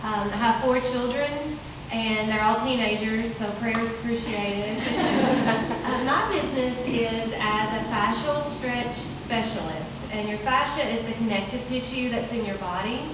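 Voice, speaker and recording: A woman's voice: a little high, a little slow. Forties woman from West Tennessee, explanatory panelist, recorded far off in a noisy, echoey space. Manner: explanatory, flowing. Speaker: fascial stretch specialist on a panel. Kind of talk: panel introduction. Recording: very echoey room, distant mic, noisy.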